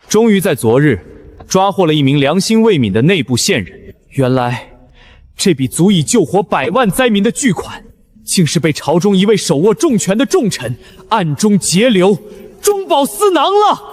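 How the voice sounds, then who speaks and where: A man voicing a shrill scheming young prince. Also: sing-song, normal speed. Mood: earnest. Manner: shrill and accusing, rising to panicked pleading. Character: scheming young male eldest prince, frantic when caught. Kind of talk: animated drama dubbing.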